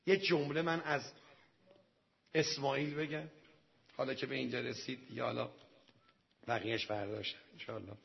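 A man preaching to an audience of men, telling a sacred story dramatically and swinging from hushed asides to loud outbursts. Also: mid-range voice, steady tone, gravelly, long pauses, muffled recording. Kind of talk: storytelling sermon to a male audience.

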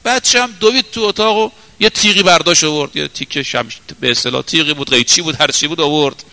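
Preaching in a space with a large-room sound, this man has a voice on the high side. His storytelling is dramatic, rising to exclamations and then dropping to slow, quiet stretches.

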